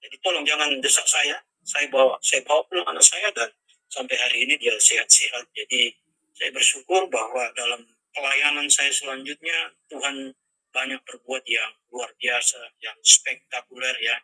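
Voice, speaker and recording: A man's voice: medium pitch, normal speed, pushed and bright, husky, no echo, rough recording. A middle-aged man telling his life story as a personal testimony, in an earnest storytelling way and acting out the dialogue. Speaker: pastor giving a testimony.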